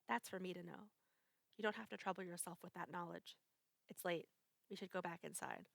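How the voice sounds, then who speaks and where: A woman's voice: lowish voice, brisk, vocal fry, dry recording. A woman voicing a young man who speaks ominously, cold and secretive. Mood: dismissive.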